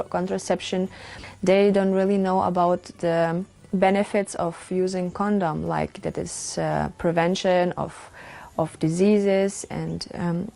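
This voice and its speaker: Woman from Lithuania, volunteer nurse; mellow, reflective, hesitant talker. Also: lowish voice, vocal fry. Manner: reflective, hesitant, many fillers. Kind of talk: interview testimonial.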